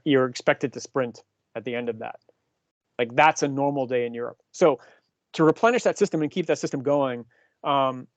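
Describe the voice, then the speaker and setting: A man's voice: medium pitch, no room sound, dull audio. Chatty fifty-year-old male cycling coach. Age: 50s. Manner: chatty, explanatory, asks the group questions. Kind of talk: casual team talk.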